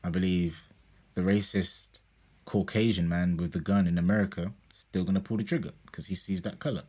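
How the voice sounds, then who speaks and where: A man's voice: sits low, steady tone, fairly quick, darkish tone. A young man co-hosting a podcast, challenging and teasing in a casual debate. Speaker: podcast co-host.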